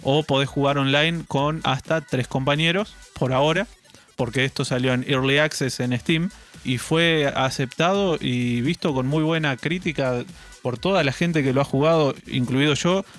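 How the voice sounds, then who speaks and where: A man chats through gaming news at a middle pitch. He sounds relaxed and hesitant and keeps repeating words as he goes. Faint music plays under his voice. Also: moderate pace. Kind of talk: casual gaming news chat.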